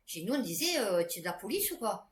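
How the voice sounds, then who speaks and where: Woman vlogger, chatty and rambling, animated delivery, echoey room. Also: medium pitch, fast. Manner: chatty, many fillers and restarts. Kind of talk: casual rambling storytelling to camera. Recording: echoey room with faint background noise.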